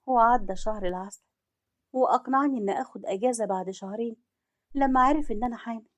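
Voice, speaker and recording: A young wife in an audio story, wounded and bitter, with an Egyptian accent, as a woman storyteller gives her voice. She pleads and complains in a fairly high tone. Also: fast, close to an everyday voice.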